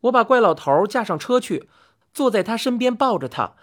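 A woman with a fairly high voice tells a first-person story at a normal speed, reading expressively and acting out the dialogue. Her manner is lively, and faint music plays in the background.

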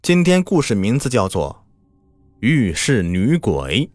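A man's voice: mid-range voice, wildly swooping pitch, slow pace, no room sound. Man narrating a ghost story dramatically. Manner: dramatic, rising tension. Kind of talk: scripted horror narration.

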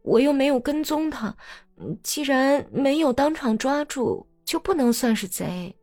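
A woman's voice: high voice, animated, faint music behind, pitched above the performer's own voice. Woman doing Darya, brash mocking peasant woman. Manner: brash, teasing, quick-tongued.

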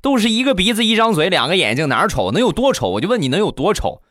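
A man voicing an angry middle-aged mother who scolds her son loudly in a raised voice. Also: on the low side, big pitch swings, normal speed, no echo, studio quality. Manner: loud, scolding.

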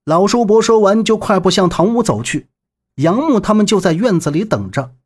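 Husky male audiobook narrator, high and lively, dramatic read. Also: normal speed. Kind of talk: serialized novel narration.

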